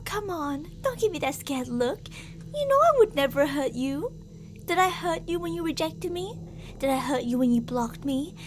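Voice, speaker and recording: Cooing reproachfully, a high-pitched woman performs a theatrical, sweetly menacing ASMR roleplay as a delusional stalker obsessed with the listener. Jealous, volatile endearments and reproaches fill the clip, which carries a little hiss or hum.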